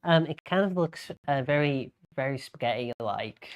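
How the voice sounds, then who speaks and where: A bingo host calling a live game in a casual, unscripted way, with hesitant, halting delivery. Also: mid-range voice, lively intonation, clean tone.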